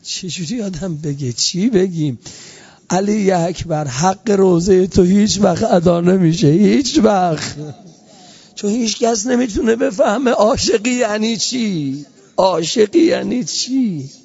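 Emotional sermon from a guy preacher, kinda high voice, muffled lo-fi recording. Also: gravelly, slightly rough. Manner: impassioned, repetitive, swelling and sinking in loudness. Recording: dull lo-fi recording.

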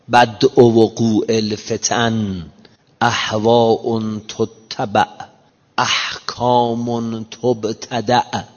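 A man giving an emphatic sermon in casual everyday speech, slowing down to recite scripture. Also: fairly high pitch. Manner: emphatic, quotes scripture in slow measured recitation; colloquial, explains modern slang. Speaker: preacher. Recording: muffled reverberant hall recording.

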